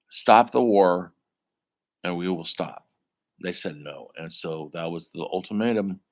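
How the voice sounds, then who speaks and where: An older man giving a classroom film lecture in a conversational way, calling his students folks. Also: sits low. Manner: conversational, addresses listeners as folks. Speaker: college film instructor.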